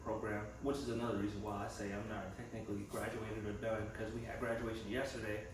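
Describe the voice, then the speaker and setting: A young vlogger who is also a physical therapy assistant student talks fast in a lowish voice with little pitch movement. He rambles reflectively, thinking aloud in a casual personal vlog. His recording comes from a distance in an echoey room, with faint noise underneath.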